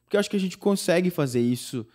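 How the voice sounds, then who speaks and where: A young Brazilian singer-songwriter, appearing as a guest, tells a personal story in casual chat with a high-pitched, racing voice. He speaks with a Brazilian Portuguese accent, acts out the quoted dialogue with animation, and keeps dropping fillers like "tipo" and "não sei o quê".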